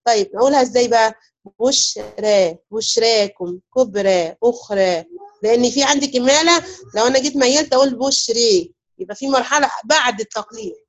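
A woman's voice: high-pitched, rapid-fire. A woman with an Egyptian Arabic accent teaching the rules of Quran recitation in an online class, often putting questions to her students and waiting for answers. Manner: asks students questions and waits.

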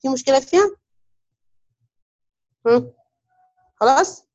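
A woman's voice: high voice, lively intonation, takes it slowly, darkish tone, dull audio. A woman with an Egyptian Arabic accent teaching the rules of Quran recitation in an online class, often putting questions to her students and waiting for answers. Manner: asks students questions and waits.

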